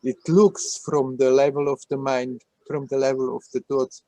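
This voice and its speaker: A man giving a spiritual satsang talk on a video call, gentle and laughing often as he speaks. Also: medium pitch, level tone, normal speed, no echo, low-quality recording. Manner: gentle, laughs often, repeats words playfully. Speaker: spiritual teacher.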